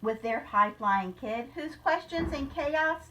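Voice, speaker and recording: A woman reads a rhyming picture book for children aloud, taking it slowly and expressively like a teacher telling a story. Her voice is high-pitched, and the lo-fi recording comes from a distant mic with slight background noise.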